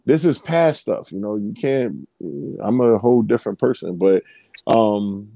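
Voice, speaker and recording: A man's voice: on the low side, unhurried, creaky, warm tone, no echo, low-quality recording. A man co-hosting a podcast, telling stories in loose, profane casual chat with lots of restarts. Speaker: podcast co-host.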